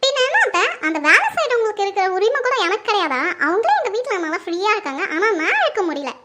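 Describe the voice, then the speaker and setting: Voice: very high-pitched, sing-song, fast talker, very noisy. A young performer voicing a haughty young daughter-in-law. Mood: defiant. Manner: haughty, scolding, threatening. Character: arrogant young daughter-in-law, scornful and bossy. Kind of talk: family drama skit.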